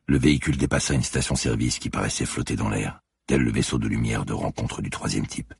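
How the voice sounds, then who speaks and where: A man reads a suspense novel aloud in a measured, dark way. His voice is extremely deep and gravelly, with a husky, breathy edge. The sound is close and dry. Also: no room sound. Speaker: narrator. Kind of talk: audiobook narration.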